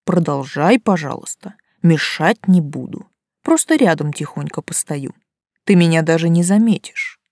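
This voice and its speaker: A woman's voice: sits low, normal speed, no echo, clean studio sound. Woman reading as a sly mocking forest spirit. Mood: teasing. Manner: calm, teasing, quietly menacing.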